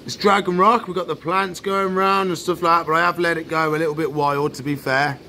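Speaking fairly quickly with a flat delivery, the man in his thirties sounds pushed and bright as he casually explains his actions for his pet shop vlog. His pitch is on the high side, and slight background noise fills the indoor aquarium shop.

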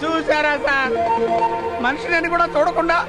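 Whiny high-voiced comic servant. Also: male voice, flat delivery, normal speed. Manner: pleading and muttering complaints. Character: whiny cowardly man, grumbling and pleading. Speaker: comic servant caring for unconscious people. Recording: film soundtrack with music.

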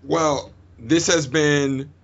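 A man hosting a gaming podcast, thanking the guest and plugging releases in a friendly, relaxed way. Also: fairly high pitch, drawn-out words, vocal fry, highs cut off. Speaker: podcast host. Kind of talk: casual podcast chat, wrapping up.

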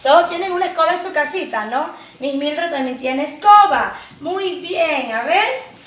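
Preschool teacher woman, slow and drawn-out, recorded from a distance in a hollow room. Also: sits high, lively intonation, a bit bright, reverberant. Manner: slow sing-song, drawn-out words, coaxing questions to children. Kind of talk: online phonics lesson for young children.

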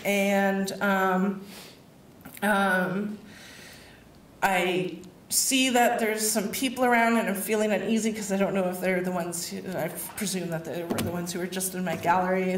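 A woman's voice: medium pitch, echoey room, slight background noise. A woman telling a personal story in a rambling, casual way, full of fillers, laughter and swearing. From Canada. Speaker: award winner telling her story.

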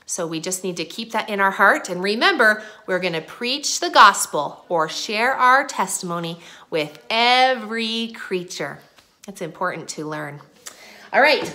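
Slow, lively preschool teacher woman. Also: medium pitch. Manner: gentle, slow and sing-song, talking to small children. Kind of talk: online preschool lesson for young children.

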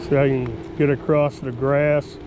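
A man's voice: medium pitch, level tone, a little slow. A man talking in a casual, folksy vlog style while riding an electric scooter outdoors. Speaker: vlogger. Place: outdoors, riding along park roads and stopping at a pavilion. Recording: outdoor action camera with ambient noise.

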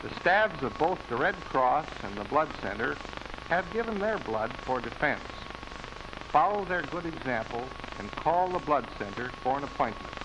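A man delivering an earnest, measured public service appeal, heard as an old 1950s newsreel broadcast. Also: mid-range voice, sing-song, noisy background. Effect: old 1950s newsreel broadcast sound.

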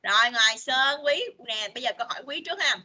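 A woman, an English teacher on a video call, patiently coaxing children and modeling words slowly for them to repeat. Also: sits high, expressive, pushed and bright. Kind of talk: online English lesson for children.

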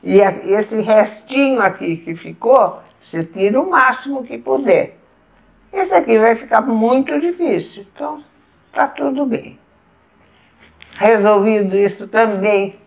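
Slow, gravelly Brazilian woman teaching table manners. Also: a little high, lively intonation. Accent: Brazilian Portuguese. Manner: patient, explains step by step while eating. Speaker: etiquette instructor. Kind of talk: casual demonstration.

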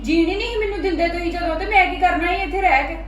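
A woman's voice: very high voice, fast, fairly bright tone, reverberant, distant mic, a little hiss or hum. A young woman playing a resentful, estranged daughter-in-law who speaks in an indignant, demanding way. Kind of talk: acted family drama.

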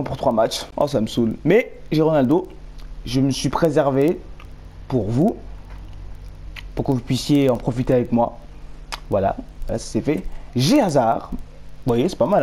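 A man's voice: medium pitch, dark tone. A young man chatting casually to viewers while showing his video game team, rambling and correcting himself often. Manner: rambling, hesitant, self-correcting. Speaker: gaming YouTuber. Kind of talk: casual gameplay commentary.

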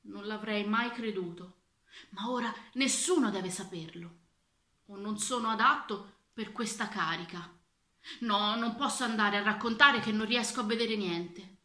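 A woman's voice: medium pitch, unhurried, sharp tone, reverberant. A woman playing a flustered old minister. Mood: worried. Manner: flustered, nervously gushing. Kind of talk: reading a children's storybook aloud.

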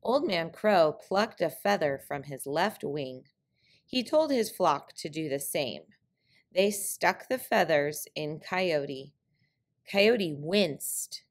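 A woman reading a trickster tale picture book aloud as scripted narration, with deliberate, clearly phrased storytelling. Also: sits low, animated.

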